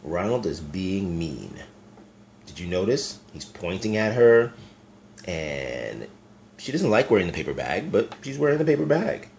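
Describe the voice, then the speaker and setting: A man reading a picture book aloud to young children in a low, gentle voice. He talks in a relaxed, chatty way and stops often to point things out in the pictures. A faint hiss sits behind him. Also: unhurried, creaky. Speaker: storyteller.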